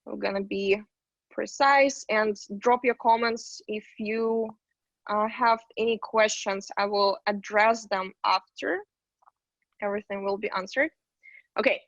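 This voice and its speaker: A woman's voice: mid-range voice, measured pace, a bit bright, no echo. A woman from Ukraine presenting as an investment banker in an online talk, upbeat and chatty with many fillers. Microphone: computer mic on a video call. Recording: dull, dry video call audio.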